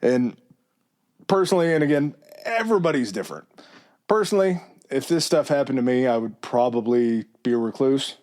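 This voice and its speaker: A man hosting a podcast, telling a story in a relaxed, chatty way with fillers and asides. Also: mid-range voice, fairly quick. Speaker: podcast host. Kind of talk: casual chat.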